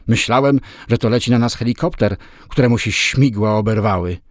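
A man voicing a fat male car owner who teases loudly. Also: lowish voice, a little fast, no room sound, studio quality, natural voice. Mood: teasing. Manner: loud, teasing exclamations.

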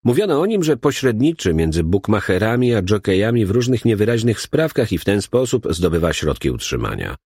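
Male audiobook narrator, low and husky, very lively intonation. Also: a little fast, few pauses, no room sound, clean studio sound.

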